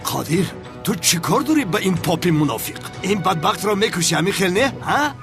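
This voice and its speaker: A man's voice: sits high, very animated. A man dubbing a film character who argues and pleads to protect a friend, over music. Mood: pleading.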